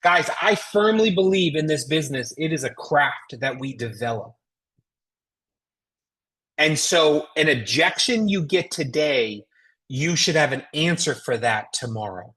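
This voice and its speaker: An American woman, working as a network marketing trainer, gives a motivational sales coaching talk full of emphatic, folksy lines and rhetorical questions. Her voice sits low and sounds husky and a bit bright. She's animated but never hurried.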